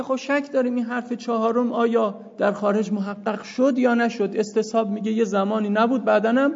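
A man's voice: high-pitched, vocal fry, a little mellow. A man teaching a jurisprudence lesson in a seminary, explaining step by step and asking and answering his own questions. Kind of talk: jurisprudence lecture. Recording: dull lo-fi sound with long reverb.

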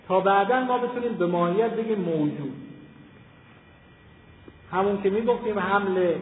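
A man giving a classroom philosophy lecture, slowing down and stressing key terms as he explains step by step. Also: high voice. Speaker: teacher of Islamic philosophy. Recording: tinny, echoey hall recording.

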